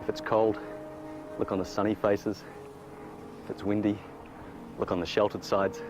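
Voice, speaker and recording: Deep-voiced man, reflective nature documentary narration. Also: flat delivery, normal speed, music in the background. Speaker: wildlife filmmaker.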